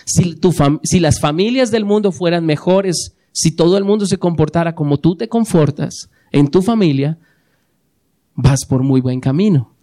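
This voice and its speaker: Male pastor, high voice, sermon, prompts the congregation with questions, repeats key lines. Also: a little mellow. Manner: asks the congregation questions and waits for replies; repeats key phrases for emphasis.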